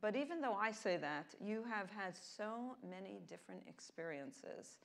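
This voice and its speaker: A woman's voice: medium pitch, lively intonation, moderate pace, gravelly. A woman interviewing a guest on stage, upbeat and direct with her questions. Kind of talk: onstage interview.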